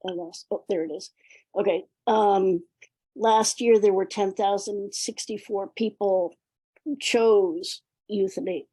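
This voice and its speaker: A woman giving a prepared public talk in a weak voice, affected by a cold, hesitant and often pausing. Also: mid-range voice, mellow, no room sound, poor audio. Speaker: panel speaker.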